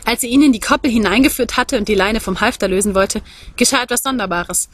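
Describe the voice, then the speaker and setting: A woman reading a novel aloud in measured, expressive narration. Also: on the high side. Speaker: audiobook reader.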